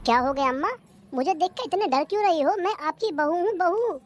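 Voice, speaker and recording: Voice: extremely high pitch, animated, fairly quick, noisy background. A voice actor playing a young daughter-in-law who talks in a coaxing, insistent way in a comedy cartoon, with a rural Hindi accent. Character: sly, sweet-talking young daughter-in-law.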